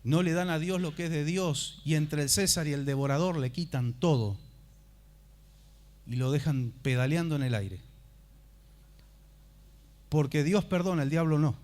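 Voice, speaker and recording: A male pastor preaching a sermon at a church service, telling the story dramatically and swinging from hushed to loud. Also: a little high, measured pace, pauses often.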